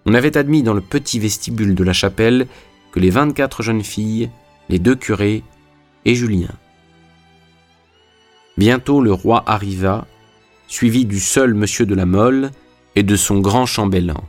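A man narrating a literary audiobook in a measured, even storytelling manner. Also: lowish voice, faint music behind.

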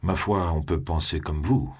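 A man voicing a courteous male lawyer who speaks calmly and dutifully. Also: low-pitched, measured pace, husky.

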